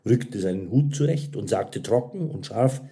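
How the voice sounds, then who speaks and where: A man reading a story aloud as narrator, expressive and unhurried. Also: fairly low pitch. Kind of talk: audiobook narration.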